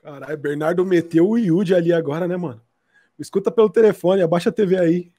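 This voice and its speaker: A man's voice: high voice, fast, mellow, dry recording. A man comments casually as a rap battle co-host. The sound is close and dry.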